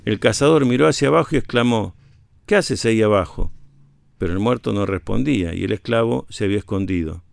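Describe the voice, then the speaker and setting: A man narrating a folk tale in a measured, plain reading. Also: fairly low pitch, creaky, no room sound. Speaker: storyteller.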